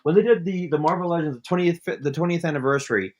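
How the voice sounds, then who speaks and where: A man co-hosting a casual livestream, rambling and halting with lots of fillers. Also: a little high, darkish tone. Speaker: co-host.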